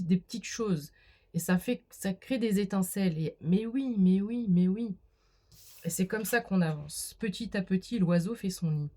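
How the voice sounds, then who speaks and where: A woman's voice: mid-range voice, warm tone. A woman doing a casual spoken card reading, talking straight to the viewer with many fillers and restarts. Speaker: card reader.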